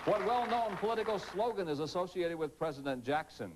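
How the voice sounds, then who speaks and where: Animated male game show host. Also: high voice, brisk, a loud crowd, heavy background noise.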